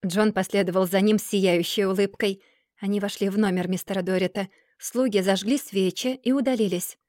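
A woman reading a classic novel aloud in a measured, expressive way. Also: mid-range voice, dry recording, studio quality. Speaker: audiobook reader.

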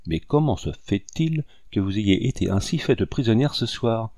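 A man reading the lines of a gentle, kindly young married woman in an audiobook, speaking softly and coaxingly. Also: lowish voice, lively intonation, moderate pace, no room sound, clean studio sound. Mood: tender. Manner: soft, coaxing delivery.

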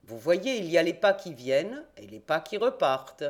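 A seasoned male police detective, calm and faintly condescending, as a woman reading the novel puts him on. He speaks in a measured, unhurried, lowish voice with some lively movement. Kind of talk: audiobook character voicing.

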